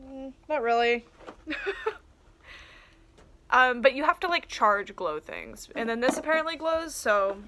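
A young woman with a slightly high voice chats through a toy unboxing, excitable and rambling with plenty of "um" and "like". She sits close to a desk camera in a small room lined with shelves, and loud crinkling of plastic packaging runs under her talk. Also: measured pace, long pauses, a little hiss or hum. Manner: chatty and excitable, with frequent "um" and "like". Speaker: toy collector vlogger. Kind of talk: casual unboxing chat. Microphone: camera on desk at close range. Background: crinkling packaging and clicks.

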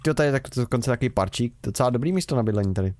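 A man's voice: mid-range voice, expressive, a little mellow. A young man giving rambling, casual commentary while playing a game, with wry remarks. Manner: chatty, rambling, wry self-mocking remarks. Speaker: Let's Play host.

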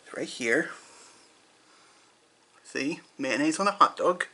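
Here the young food-tasting vlogger talks slowly and expressively with a sharp tone, his voice on the high side. He rambles, repeats himself, and speaks through mouthfuls of food.

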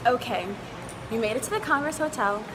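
Chatty young woman vlogging outside, kinda high voice, lots of street noise behind her. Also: unhurried. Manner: chatty, excitable, drops to hushed whispers. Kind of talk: casual vlog chat. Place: outdoors at a crowded city food festival. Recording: noisy outdoor street recording.

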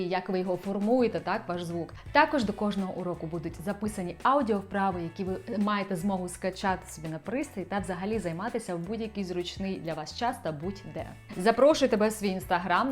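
A young Ukrainian woman teaches singing in a lively, engaging way. She explains vocal placement and keeps asking her viewers questions, speaking in a middle-pitched voice. Faint music plays softly behind her. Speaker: vocal coach. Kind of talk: vocal lesson with sung demonstrations.

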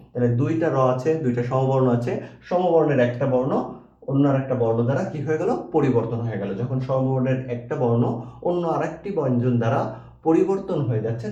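A man's voice: mid-range voice, mellow, roomy sound, lo-fi sound. A man teaching a grammar lesson, asking questions and answering them himself and repeating key terms.

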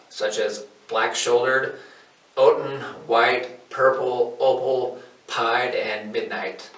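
A man in his forties, hosting a hobby farm channel, reads a scripted educational piece in a steady, informative way. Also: medium pitch. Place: indoors, in front of a wooden wall. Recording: roomy, somewhat distant mic.

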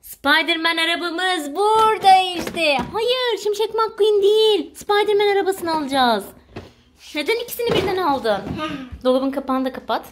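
A woman's voice: very high voice, moderate pace, noisy background. A young mother hosting a family vlog, talking playfully and sweetly to her little son. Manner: cooing and playful, talking to a toddler. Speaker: mother and channel host.

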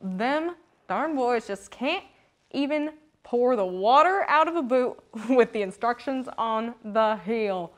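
A woman's voice: a little high, animated, slow. A woman doing a chirpy folksy rodeo queen. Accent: put-on American Southern country. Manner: folksy, drawling, calls everyone honey. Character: folksy cowgirl rodeo queen, chirpy, full of country sayings. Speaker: guest character.

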